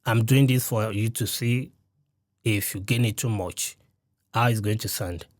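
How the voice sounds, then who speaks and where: A man testing a studio condenser microphone up close, calmly explaining each setting step by step. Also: on the low side, a little slow, no echo. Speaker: gear reviewer. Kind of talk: mic test demonstration. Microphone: studio condenser mic close up.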